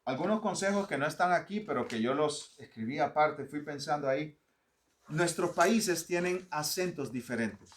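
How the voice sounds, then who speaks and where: Lively pastor giving advice. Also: male voice, fairly high pitch, normal speed, slight background noise. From Honduras. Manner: lively, joking, mimics accents and pronunciations. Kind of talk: teaching talk to church readers.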